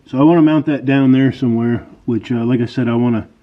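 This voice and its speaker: Working at a bench and next to a truck in his workshop, a man shows off his DIY car build with informal, think-aloud commentary. He talks quickly in a mid-range voice with fairly even intonation, and the recording sounds dull, lo-fi, and noticeably noisy.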